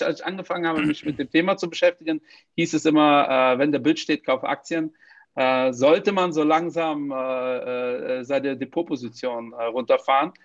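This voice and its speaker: A man's voice: fairly high pitch, no room sound, highs cut off. A man who grew up in Portugal, hosting a podcast and chatting casually with many fillers and jokes. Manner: joking, lively storytelling with many fillers. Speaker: podcast host. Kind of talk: casual interview chat.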